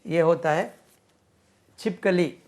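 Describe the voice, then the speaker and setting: Slow, patient teacher, fairly high. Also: male voice, fairly even intonation, a little mellow. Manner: spells words letter by letter and repeats pronunciations; patient, repetitive, asks "right?" often. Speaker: English teacher. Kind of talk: slow spoken vocabulary lesson.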